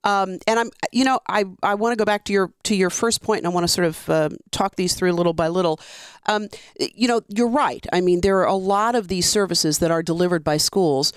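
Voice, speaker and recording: A smooth radio talk show host taking calls and interviewing guests live, measured and polite with some fillers. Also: mid-range voice, dry recording, clean studio sound. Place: radio studio. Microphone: close studio microphone.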